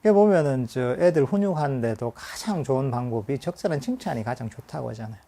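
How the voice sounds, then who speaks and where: A Buddhist monk teaches a meditation class in an easy, conversational way. His voice is warm and mellow and sits at a middle pitch. He keeps breaking into fillers and restarts as he explains. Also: expressive, fast. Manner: conversational teaching with acted inner-voice quotes and light laughter. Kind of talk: meditation lecture.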